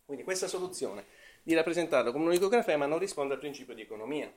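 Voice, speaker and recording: A man's voice: fairly high pitch, lively intonation, racing, darkish tone. A man from Italy giving an academic talk on linguistics to a class, thinking aloud, with fillers and self-corrections. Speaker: seminar presenter.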